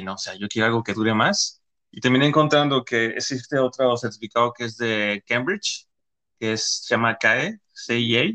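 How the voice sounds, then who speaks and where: A podcast host talks casually, rambling through his points with lots of filler words. He is a man with a bright, forceful voice at a middle pitch.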